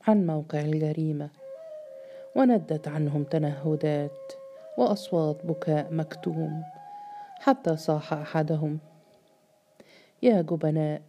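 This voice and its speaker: A woman reading a novel aloud as narrator in a measured, dramatic style. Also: sits low, warm tone. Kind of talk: scripted audiobook narration.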